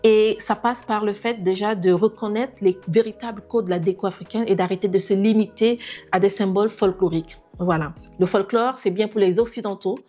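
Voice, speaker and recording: Earnest woman decorator with a mellow voice. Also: medium pitch, fairly even intonation, fairly quick, soft background music. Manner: earnest, many fillers and restarts. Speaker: interior decorator vlogger. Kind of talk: unscripted talk to camera.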